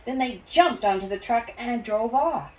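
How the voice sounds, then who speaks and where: An older woman reading a children's storybook aloud in an expressive grandmotherly way. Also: fairly high pitch, normal speed.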